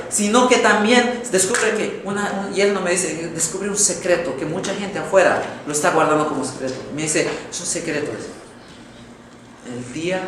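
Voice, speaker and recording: A man preaching a sermon, telling a story with dramatic swings between loud exclamations and hushed tones. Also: high-pitched, distant mic. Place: large echoey church hall. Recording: very echoey hall, faint noise.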